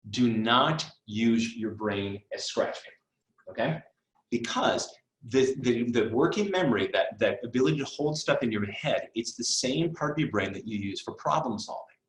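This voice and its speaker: A man's voice: mid-range voice, animated, normal speed. A middle-aged man teaching a live online test prep class in a conversational way, with fillers and asides. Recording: roomy echo.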